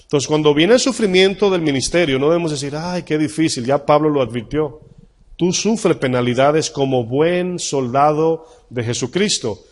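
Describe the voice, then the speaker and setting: A male pastor preaching a sermon, reading Bible verses slowly and emphatically, asking the congregation questions and acting out short dialogues. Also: fairly high pitch. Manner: acts out little dialogues in changed voices.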